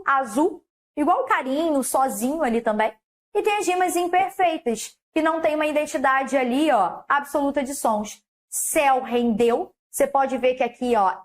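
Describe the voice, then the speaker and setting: A woman teaching a lesson on verse, explaining step by step and asking the viewer questions, on a clip-on mic. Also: high voice. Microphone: clip-on mic on her collar.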